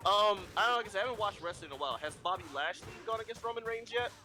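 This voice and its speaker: A man's voice: high-pitched, animated, racing, over music. A man in casual chat while playing a video game, rambling with lots of fillers and restarts. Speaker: guest.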